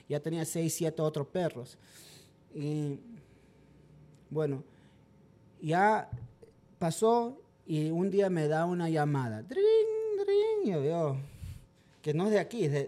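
A man's voice: a little high, mellow. A man guest, a dog trainer, telling stories animatedly in casual podcast talk and mixing in English words.

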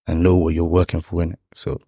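A young man with a London accent and a low, gravel-edged husky voice, recorded dry. He speaks in a reflective, conversational way, as in a motivational chat with friends, tagging his points with little questions. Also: monotone, fast talker, warm tone, dry recording.

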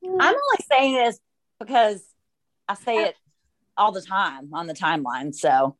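A woman's voice: mid-range voice, sing-song, a little slow, a bit bright, no echo, rough recording. Blunt woman co-host, dry close sound. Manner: blunt, casual, swears. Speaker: podcast co-host. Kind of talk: casual chat.

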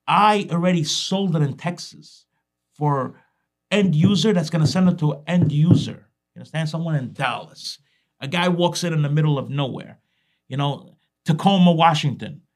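A man from Iraq, a watch dealer guest on a podcast, talking in a brash, streetwise, emphatic way. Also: on the high side. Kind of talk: casual podcast conversation.

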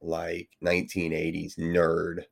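A man's voice: deep voice, monotone, slow pace, creaky. A man co-hosting a podcast, chatting casually about a novel, rambling with lots of fillers. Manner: rambling, many fillers like "you know". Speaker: podcast co-host. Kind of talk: casual book discussion.

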